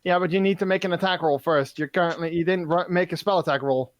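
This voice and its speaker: A man's voice: high voice, fast, dry recording. A man running a tabletop game online, narrating loosely with lots of fillers and swearing. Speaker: game master.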